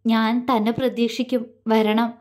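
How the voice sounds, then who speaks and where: A woman voicing a calm young man who speaks softly and gently. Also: a little high, lightly acted. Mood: gentle. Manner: soft, gentle, unhurried. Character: calm young man, soft-spoken groom-to-be.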